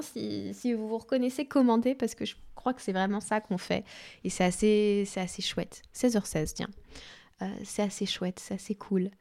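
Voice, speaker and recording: A woman life coach talking in an enthusiastic, chatty podcast monologue with spiritual wording. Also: on the high side.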